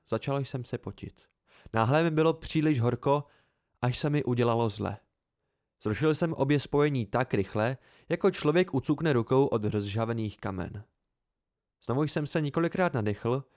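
A man gives a measured first-person audiobook narration with an amateur touch. His voice sits at an ordinary middle pitch. He tells the story in an even, steady way. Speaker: audiobook reader.

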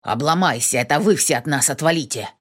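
A woman's voice: sits low, animated, brisk. Woman voicing a blunt slangy young man.

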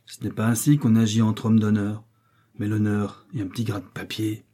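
Man reading a sneering chained bad guy, mocking, dark mellow tone. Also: lowish voice, little pitch movement, normal speed, natural voice. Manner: contemptuous, sneering. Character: sneering chained male villain, defiant.

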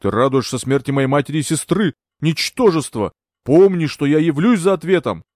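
A man's voice: fairly high pitch, lively intonation, normal speed, no echo, studio quality, voice pushed up, natural voice. A man voicing a delirious ship captain who rants, accuses and barks orders in an audiobook. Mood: bitter. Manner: ranting, loud, accusing.

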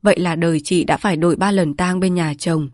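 Low-voiced woman narrating a village story. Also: steady tone, a little fast, a little mellow, no echo, studio quality. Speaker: audiobook narrator.

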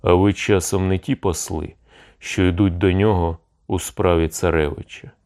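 A gloomy, towering cossack read by a man speaks in a blunt, grim tone. His voice is deep and low, told as a storybook reading. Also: steady tone, moderate pace, darkish tone.

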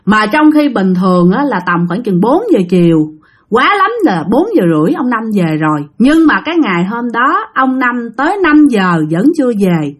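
A woman tells a ghost story in a chatty, casual way, speaking straight to her listeners. Her voice sits fairly high and rises and falls a lot. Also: sing-song, moderate pace. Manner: chatty, addresses listeners directly.

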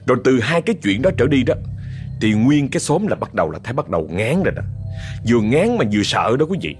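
A man's voice: mid-range voice, sing-song, fast, faint music behind. A man with a Southern Vietnamese accent narrating a ghost story in a chatty, dramatic way, often speaking straight to his listeners.

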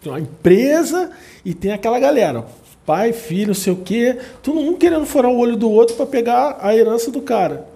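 A man's voice: very high voice, fairly quick, gravelly. A man with a Brazilian accent giving a chatty, casual talk to an audience, repeating words for emphasis. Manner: chatty, repetitive, animated asides.

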